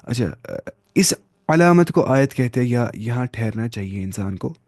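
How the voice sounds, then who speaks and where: A man's voice: mid-range voice, expressive, a little mellow, no room sound, studio quality. A man teaching Quran reading in a live online class over a video call, patient and repeating each term. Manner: patient, explains by repeating terms. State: sleepy.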